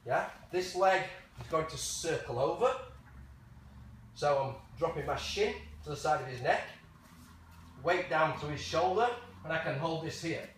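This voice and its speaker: A man's voice: fairly high pitch, animated, measured pace, a bit bright. A man coaching a jiu jitsu class, talking through a hands-on demonstration step by step in short, casual phrases. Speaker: martial arts coach. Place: large echoey indoor training room. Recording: very echoey, noisy room, far from mic.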